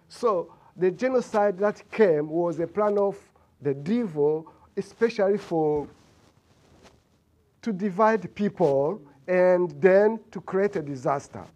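A man from Rwanda with a Rwandan accent gives a church testimony, haltingly, searching for words and repeating phrases. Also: sits high, a little mellow. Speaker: congregation member giving testimony.

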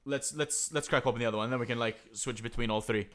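A man's voice: mid-range voice, steady tone, quick pace, fairly bright tone. Young guy hosting a chill podcast, joking around. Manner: easygoing, joking. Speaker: podcast host. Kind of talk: casual chat.

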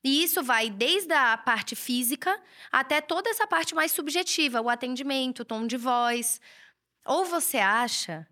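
A woman's voice: sits high, expressive, unhurried, sharp tone. A woman, hosting a casual, chatty solo talk on business advice from a room at home. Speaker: host and writer. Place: indoor room with a curtain backdrop, books and a computer.

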